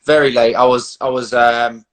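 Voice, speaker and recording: A man's voice: mid-range voice, little pitch movement, normal speed. A man with a London accent talking casually as an interviewed footballer, matey and slangy with hesitant phrasing, on a video call. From London, England.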